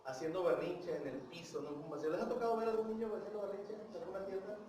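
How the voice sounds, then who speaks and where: A man's voice: high voice, steady tone, fast talker, a little mellow, a little hiss or hum. A man with a Mexican accent teaching a Bible class at church, talking with the congregation and often checking in with "right?" and "yes?". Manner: asks the congregation questions, tags with "¿sí?" and "¿verdad?". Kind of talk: conversational Bible lesson to a congregation. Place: church meeting room. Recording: very echoey room, mic far off.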